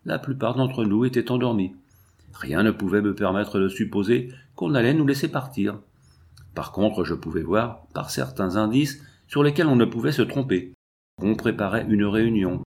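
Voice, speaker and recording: A man reading a novel aloud as an audiobook, in steady, measured narration. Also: lowish voice. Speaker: audiobook reader. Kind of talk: literary narration.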